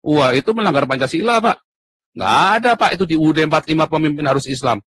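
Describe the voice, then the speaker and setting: A man being interviewed in casual conversation, animated and at times emphatic, almost shouting. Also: on the high side, fast talker, husky, no room sound. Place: abroad in Europe.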